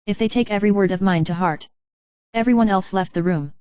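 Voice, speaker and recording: A woman narrating a first-person story in a steady, measured reading style. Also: mid-range voice, dry recording.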